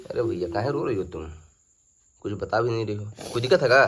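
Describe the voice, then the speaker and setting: Guy vlogging at home, keeps asking whats wrong, lively up and down voice. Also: fairly low pitch, a little fast, slight background noise. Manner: coaxing, repeatedly questioning, calling out loudly. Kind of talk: casual vlog narration. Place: home, indoors.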